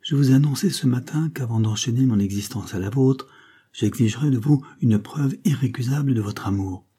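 A man reading an audiobook, voicing a furious, imperious Creole woman in a sharp, commanding manner. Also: medium pitch, normal speed, breathy edge, pitched above the performer's own voice, natural voice. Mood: accusing.

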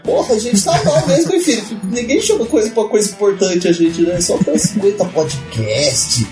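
A woman putting on a gushing, affected lady presenter with drawn-out vowels and a lisp, in a comic talk-show parody. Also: mid-range voice, lively intonation, music in the background, close to an everyday voice. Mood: mock indignant. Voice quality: lisping tongue-tied speech.

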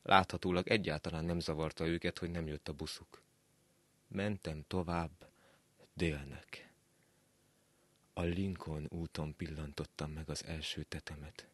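Deep-voiced man reading a story calmly. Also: dry recording. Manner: measured, calm storytelling with soft dropped endings. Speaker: reader. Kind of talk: scripted narration. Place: radio studio.

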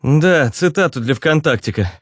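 A man's voice: a little high, lively intonation, normal speed, dry recording, pitched above the performer's own voice, natural voice. A male narrator voicing a tired, sarcastic young man with a dry, sardonic way of speaking. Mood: wry. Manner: dry, sardonic, swears casually. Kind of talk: audiobook character voice.

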